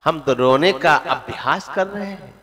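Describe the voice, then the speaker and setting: A man voicing the gentle, playful child god Ram in a devotional sermon, speaking earnestly, with long hall reverb. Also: a little high, unhurried, pitched below the performer's own voice. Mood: tender.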